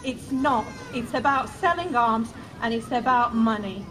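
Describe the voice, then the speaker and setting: A woman's voice: on the high side, lively intonation, a little slow, noisy background. A woman from Iran giving an earnest, indignant speech at an outdoor protest. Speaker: protest speaker. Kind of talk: rally speech. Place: outdoor square.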